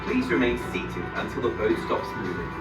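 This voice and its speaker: Male boat announcer over the PA loudspeaker, formal and polite, lively intonation, heard from a distance. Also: on the low side, normal speed. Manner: formal, polite, evenly scripted. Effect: played over the boat's public-address loudspeaker. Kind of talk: pre-recorded passenger announcement. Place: on board a river tour boat. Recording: echoey, distant loudspeaker with loud music.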